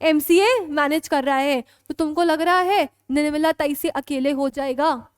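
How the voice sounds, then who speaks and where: High-voiced Indian woman teaching law. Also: measured pace, no echo, clean studio sound. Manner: mixes Hindi and English, keeps checking students understand. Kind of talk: classroom lecture.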